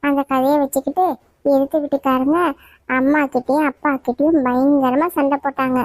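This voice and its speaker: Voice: high-pitched, flat delivery, a little fast, dry recording, natural voice. A performer voicing a worried mother and a chatty younger sister in a cartoon family drama. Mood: confiding.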